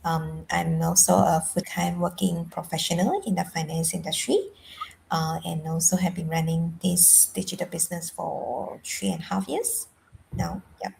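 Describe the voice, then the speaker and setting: A woman's voice: on the low side, steady tone, normal speed, vocal fry, darkish tone, a little hiss or hum. A woman from Malaysia giving a plain, matter-of-fact self-introduction as a co-host.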